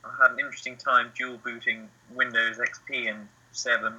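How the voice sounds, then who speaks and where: This is a man chatting as a guest on a casual podcast over a video call. His voice is very bright and sharp with a husky edge. He answers in a hesitant, low-key way. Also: flat delivery, brisk, poor audio. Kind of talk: casual chat.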